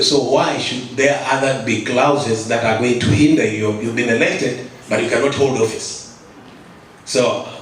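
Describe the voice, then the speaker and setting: Insistent man in an echoey hall. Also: medium pitch. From Kenya. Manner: insistent, repeats himself, stumbles over words. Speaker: audience member asking a question. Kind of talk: impassioned floor question. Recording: echoey hall, distant mic, light noise.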